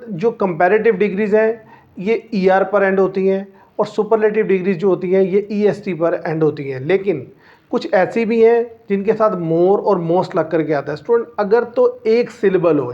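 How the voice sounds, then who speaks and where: A man teaching English grammar to students, explaining step by step and answering his own questions. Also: high-pitched. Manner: slows down and stretches out the English example sentences. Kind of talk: classroom-style grammar lesson. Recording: dull lo-fi recording.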